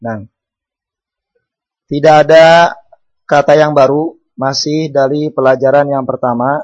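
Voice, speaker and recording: A man's voice: fairly high pitch, steady tone, measured pace, a little mellow, dull audio. A man teaching an Arabic class, calling on students to read and patiently repeating words and their meanings.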